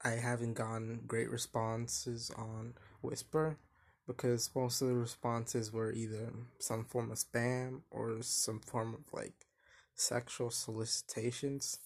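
A young man hosting a casual solo podcast, talking in a flat, monotone voice that rambles and hesitates with lots of fillers. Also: medium pitch, slow. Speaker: podcast host.

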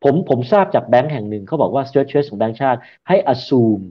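A man speaks as a securities analyst in an interview, his answers confident and emphatic, English finance terms dropped into his speech. His voice sits at a middle pitch. The recording is a little dull and lo-fi. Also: a little fast. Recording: slightly dull lo-fi sound.

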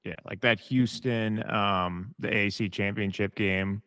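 Cohost dude, bright crisp voice, dry sound, talks kinda measured. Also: male voice, fairly low pitch, steady tone, no room sound. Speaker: podcast co-host. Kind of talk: casual interview chat.

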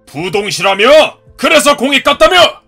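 A man's voice: extremely high pitch, big pitch swings, moderate pace, gravelly, faint music behind, voice pushed up, heavily acted. A man playing a hot-tempered ex-marine father. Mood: furious. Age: 50s. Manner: scolding, shouting. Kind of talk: cartoon story dub.

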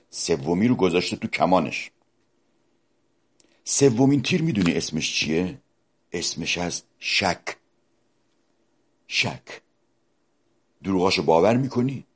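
A man preaching a sermon, asking his listeners questions directly and swinging between loud outbursts and hushed low asides. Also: creaky, breathy edge.

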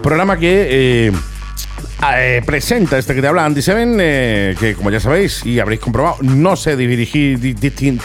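A man's voice: mid-range voice, animated, moderate pace, faint music behind. A man with a Málaga accent from southern Spain, hosting a casual computing talk show in a playful, colloquial way. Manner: playful, colloquial, fond of diminutives. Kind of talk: casual, jokey radio chat.

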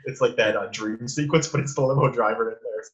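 A man's voice: medium pitch, fast talker, lo-fi sound. A young man co-hosting a podcast, rambling loosely as he explains favorite lines from a movie. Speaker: podcast co-host. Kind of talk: casual movie discussion.

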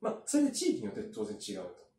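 A man's voice: medium pitch, wildly swooping pitch, warm tone. A man in casual chat, telling stories at length with many fillers and asides. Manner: chatty, drawn-out storytelling with many fillers. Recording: roomy, from a distance.

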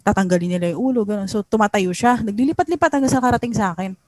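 A woman co-hosting a podcast, telling an animated story in casual chat and laughing often. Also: mid-range voice, racing, dry recording. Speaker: podcast co-host.

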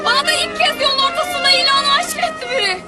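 Feisty shouting Leyla. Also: female voice, extremely high pitch, quick pace, music in the background. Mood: shouting back. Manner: sharp, then shouting back. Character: feisty young woman Leyla.

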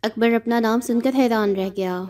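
A woman narrating a horror story aloud in a steady, measured reading voice. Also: a little high.

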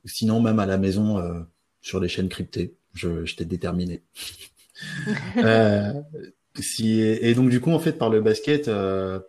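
Guy from french guiana, lowish mellow voice, rambles and says euh a lot. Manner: relaxed, rambling, many hesitant fillers. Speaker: guest beatboxer. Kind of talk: casual interview answers.

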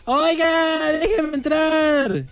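A man doing a high slurring Mexican drunk. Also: fairly even intonation, creaky, no room sound, exaggerated voice. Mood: tipsy, silly. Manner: slurred, drawn-out drunk speech. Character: silly slurring male drunk.

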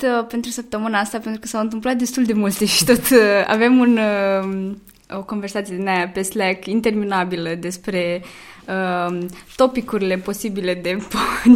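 A woman's voice: mid-range voice, steady tone. A young woman co-hosting a podcast in casual chat, hesitant, with many fillers and frequent laughs. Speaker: podcast co-host.

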